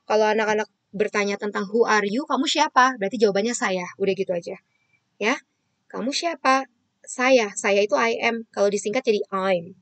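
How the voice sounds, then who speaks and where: A woman's voice: medium pitch, dry recording. Woman, primary school teacher, patient step-by-step explaining, dry close sound. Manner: patient, explains step by step to kids, asks and answers her own questions. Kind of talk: online children's lesson.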